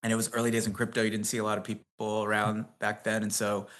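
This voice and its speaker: His fairly low, slightly bright voice is monotone and quick. An American tech CEO in his fifties without an accent, he's a guest in a laid-back interview, telling long, rambling anecdotes in a chatty manner, full of laughs and fillers like "like" and "um."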